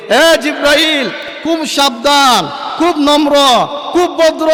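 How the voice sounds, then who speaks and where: A man's voice: very high voice, long reverb tail. A man preaching an impassioned sermon in a sing-song chant, calling out to the crowd for responses. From Bangladesh. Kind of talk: chanted sermon at a religious gathering.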